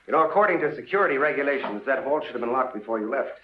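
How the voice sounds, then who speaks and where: A man's voice: medium pitch, expressive, very fast, a little hiss or hum, natural voice. An actor playing a polite, probing male FBI investigator in a 1950s film drama. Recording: dull, echoey old film soundtrack.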